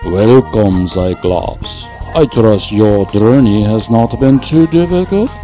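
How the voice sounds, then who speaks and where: A man voicing a towering, mocking wizard whose booming voice rings out as if magically amplified through a vast hall. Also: takes it slowly, mellow, soft background music. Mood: grandly welcoming. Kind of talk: spoken-word story narration over music.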